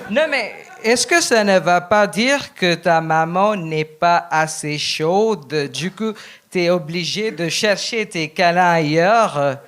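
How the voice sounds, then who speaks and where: A young man from India, a Telugu speaker, doing a deadpan, self-deprecating stand-up set. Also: sits high, slow, heavy background noise. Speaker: stand-up contestant.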